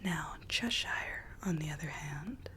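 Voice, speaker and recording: A woman playing a weary, gently coaxing Alice from Wonderland in a soft, breathy ASMR roleplay whisper. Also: sits low, lively intonation, a little hiss or hum, full character voice. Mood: soothing, coaxing. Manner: slow, hushed, repeats words soothingly.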